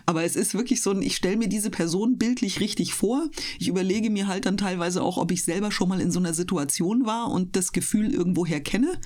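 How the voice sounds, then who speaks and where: A voice actress and streamer, appearing as a guest in a casual radio interview, explains things thoughtfully using colloquial, youthful slang. Her mid-range voice is a little mellow and a little fast.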